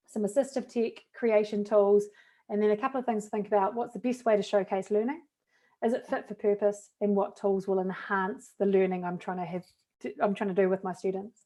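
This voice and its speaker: Mellow New Zealand woman demoing software. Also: medium pitch. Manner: chatty, upbeat, casual fillers. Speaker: teacher trainer. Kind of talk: live webinar tech demo.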